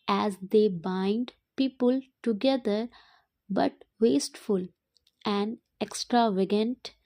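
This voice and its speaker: Woman, dictation teacher, slow measured phrases, deliberate pauses, soft-edged mellow tone, dry close sound. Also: medium pitch, dry recording. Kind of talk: slow dictation, read out in short separated phrases and repeated.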